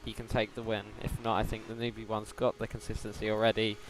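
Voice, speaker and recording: Male co-commentator, lowish pitch, informal analytical sports talk. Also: monotone, fast talker, low-quality recording. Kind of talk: casual race analysis.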